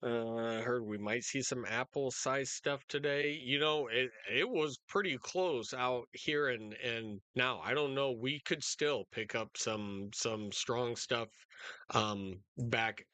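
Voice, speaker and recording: A man hosting live storm coverage in a casual, unscripted, halting way, speaking directly to his viewers. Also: medium pitch, pushed and bright, clean tone, dry recording. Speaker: storm-coverage livestream host.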